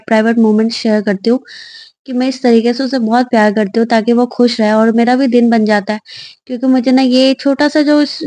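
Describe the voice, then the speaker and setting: Fast-chatting young woman vlogger. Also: on the high side, a little mellow, dry recording. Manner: chatty, personal, fond of her baby. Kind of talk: casual vlog voice-over narration.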